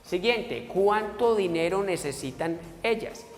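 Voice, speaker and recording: A male English teacher walks his students through grammar step by step, addressing them warmly as a group. His voice rings with a long echo in the room, and faint music plays underneath. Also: high-pitched, lively intonation, slow. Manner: explains step by step, addressing students as muchachos and voicing their questions. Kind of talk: recorded classroom lesson.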